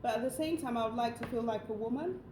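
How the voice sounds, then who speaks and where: A woman's voice: on the high side, fast. A woman co-hosting a casual chat, talking with frequent fillers. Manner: chatty, many fillers. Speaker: co-host. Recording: echoey room, faint noise.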